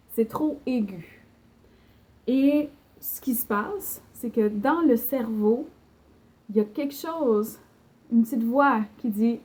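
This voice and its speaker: A young woman with a Québécois French accent teaches singing online, explaining patiently with fillers and breaking into short sung examples. Her voice is on the high side and warm.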